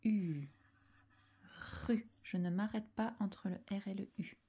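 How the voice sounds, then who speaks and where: A woman teacher guides young children through writing syllables, taking her time over every sound. Her voice is mellow and a little husky, and she often sinks into a soft half-whisper as she spells each letter out. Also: mid-range voice, steady tone, normal speed. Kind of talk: handwriting lesson for young children.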